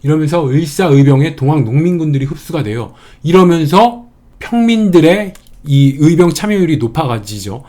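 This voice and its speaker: A man's voice: a little high, expressive, moderate pace, dark tone. A man giving an exam-prep history lecture, chatty and playful, building mnemonic wordplay as he teaches.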